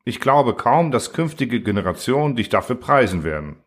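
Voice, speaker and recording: A cold, self-important machine with a metallic ring to its voice, as a man puts it on. It talks down to its makers with calm, smug indifference, like an audiobook villain. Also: mid-range voice, moderate pace. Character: vain, cold, boastful thinking machine. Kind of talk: audiobook reading.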